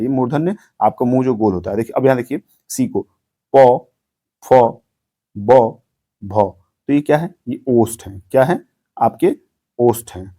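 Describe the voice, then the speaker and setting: A young man with a north Indian Hindi accent teaches an exam-prep grammar lesson. He asks a question, then repeats the answer again and again so it sticks. His voice is warm and mellow, sitting at an ordinary pitch for a man. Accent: Hindi-speaking north Indian.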